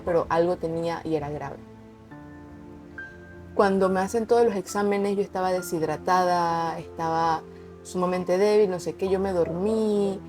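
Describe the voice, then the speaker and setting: Speaking in a fairly low, warm voice, a young woman vlogger recounts her personal testimony without a script. Her tone is earnest and conversational, and she repeats words to drive points home.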